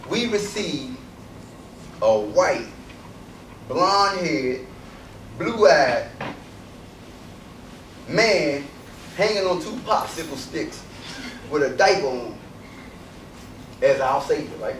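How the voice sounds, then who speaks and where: A man's voice: a little high, expressive, slow pace, long pauses, fairly bright tone, slight background noise. A man giving an emphatic public speech to a university audience, throwing rhetorical questions at the crowd. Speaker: invited speaker addressing a student audience. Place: university lecture hall. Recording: echoey hall from far off.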